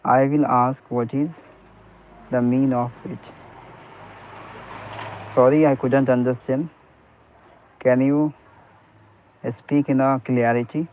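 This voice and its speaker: Slow and flat, with frequent pauses and a little hiss or hum, a medium-pitched man speaks over a tinny line. He's a private teacher, Hindi being his first language, earnestly holding an English speaking practice conversation full of "you know," "okay," and restarted sentences.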